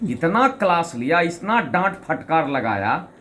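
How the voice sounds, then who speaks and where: Animated man. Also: on the high side, unhurried, a little hiss or hum. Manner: animated, explains his own verses. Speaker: storyteller and poet. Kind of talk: anecdote and recited humorous poem.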